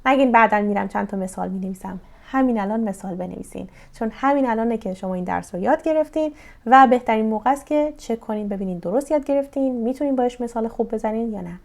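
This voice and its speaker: A young woman with a Persian accent teaching English grammar, giving slow, deliberate English examples and quick explanations in Persian. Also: fairly high pitch, vocal fry. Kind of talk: grammar lesson.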